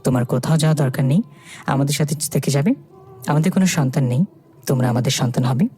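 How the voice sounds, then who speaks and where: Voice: mid-range voice, fast talker, dark tone, husky, voice pushed down, close to an everyday voice. Eerie coaxing village woman, as a narrator puts her on.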